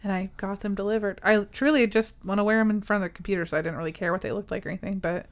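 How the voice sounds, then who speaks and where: A woman's voice: mid-range voice, fairly even intonation, rapid-fire. A young woman co-hosting a podcast, chatting casually with a giggly, teasing manner. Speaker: podcast co-host. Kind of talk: casual chat.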